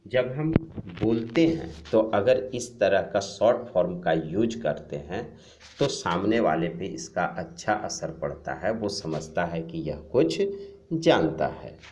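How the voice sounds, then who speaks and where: A man teaching a grammar lesson to children, drilling word pairs slowly and repeating key points as he speaks straight to his pupils. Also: deep voice, very animated, darkish tone, a little hiss or hum. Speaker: English teacher. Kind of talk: classroom-style grammar lesson.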